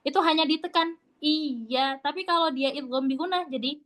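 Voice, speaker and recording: A woman's voice: sits high, fast, a bit bright. A woman teaching Quran recitation in an online class, explaining patiently in a casual, chatty way and sounding out letters as examples. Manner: patient, demonstrates sounds aloud.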